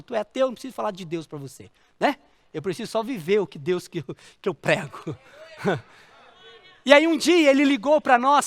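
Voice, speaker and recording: A middle-aged man, preaching a sermon as a pastor and telling a story with lively repetition. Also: extremely high pitch, in a large hall. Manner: animated storytelling, repeating phrases for emphasis.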